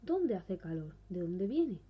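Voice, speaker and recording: A woman voicing a frightened young nobleman, pleading and urgent, with a slightly breathy voice. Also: fairly low pitch, sing-song, slow, full character voice. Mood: alarmed. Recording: dull recording with faint music.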